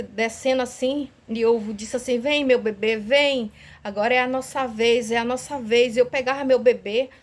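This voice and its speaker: A woman telling her dream as an emotional spoken testimony, earnest and pleading, acting out her prayers aloud and anxious, her heart racing. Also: fairly high pitch. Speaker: church member sharing a dream.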